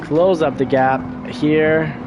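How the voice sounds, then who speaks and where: A man giving casual commentary while playing a racing game, chatty and thinking aloud, getting excitable when he crashes. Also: a little high, takes it slowly. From Canada. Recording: audible car game noise behind voice. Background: racing game car sounds.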